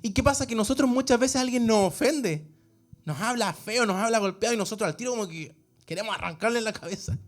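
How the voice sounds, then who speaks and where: A man's voice: sits high, lively intonation, fairly quick. A man with a Chilean accent preaching an earnest, conversational sermon in a church, often acting out the voices of the people he quotes. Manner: earnest, acts out quoted voices, restarts words.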